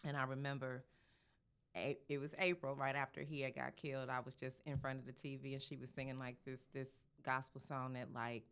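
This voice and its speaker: A woman's voice: very deep voice, a little fast, clear, resonant tone. A young woman from St. Louis, a makeup artist, chatting casually in an interview with lots of fillers and retold dialogue. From St. Louis, USA. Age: young adult. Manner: relaxed, chatty, many fillers and quoted dialogue.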